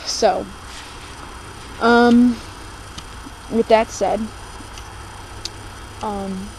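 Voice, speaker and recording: A young American woman, born in New Jersey and later moved to Virginia, talks slowly and hesitantly in a confessional, casual video blog. Her voice is on the high side, steady in tone, and a little mellow. The noisy amateur recording was made on a laptop microphone.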